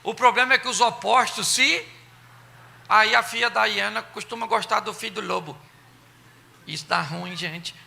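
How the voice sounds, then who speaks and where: A man with a Brazilian accent preaching a humorous sermon, animated and playful, sometimes shouting. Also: high voice, moderate pace, gravelly, pauses often. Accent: Brazilian Portuguese. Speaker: pastor. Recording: long reverb of a church hall.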